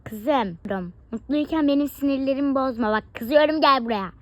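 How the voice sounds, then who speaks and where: A woman voicing a stern rich mother who scolds her daughter in a sharp, bossy way, in a game role-play. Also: high voice, animated, fast, no echo. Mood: scolding. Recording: dull lo-fi recording.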